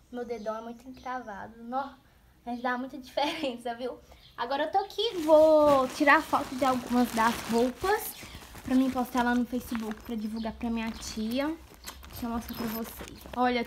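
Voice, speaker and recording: A young Brazilian woman vlogs from indoors at home, her voice a little high, with slight background noise. Holding her phone camera at arm's length, she chats casually and gushingly, often calling out to her viewers, her nose stuffy from a cold.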